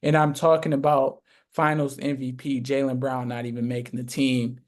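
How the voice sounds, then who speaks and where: Male morning radio host, mid pitch, conversational sports interviewer with a teasing streak. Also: flat delivery, moderate pace.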